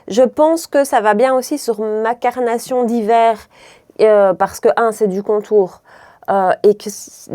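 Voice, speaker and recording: A woman's voice: mid-range voice, darkish tone, no room sound, clean studio sound. A woman from Belgium with a mild Brussels accent, chatting through a makeup tutorial in a rambling way, often stopping herself and laughing. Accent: Belgian French, mild Brussels. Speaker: beauty vlogger.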